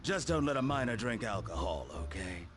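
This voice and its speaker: Swooping, languid bar proprietor. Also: male voice, fairly low pitch, sing-song, normal speed. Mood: teasing. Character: languid, protective, teasing flamboyant bar proprietor. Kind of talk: video game dialogue acting. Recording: background music under dialogue.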